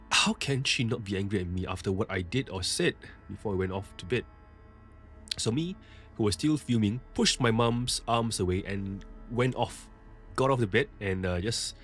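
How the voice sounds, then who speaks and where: A man's voice: fairly low pitch, a bit bright. A male podcast host retelling a listener's ghost story in a casual, conversational way, with frequent asides.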